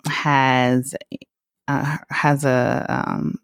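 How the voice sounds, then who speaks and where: Woman in her 30s, gravelly voice, dry close sound, chatty podcast host. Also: a bass voice, level tone, very slow, no echo. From Southern United States. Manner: candid and chatty, laughs often, loose with filler words. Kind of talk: casual podcast monologue.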